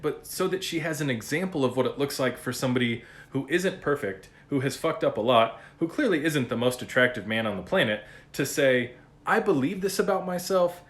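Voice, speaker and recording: A man talks through a casual monologue as a podcast host, blunt and full of cursing. His delivery is animated and unpolished, like everyday speech. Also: medium pitch.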